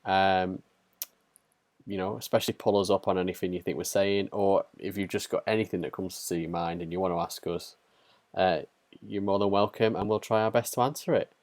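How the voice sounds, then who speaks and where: A man co-hosting a podcast livestream, talking in a relaxed, rambling way with lots of fillers. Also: low-pitched, fairly quick, no echo. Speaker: podcast co-host. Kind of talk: casual livestream chat.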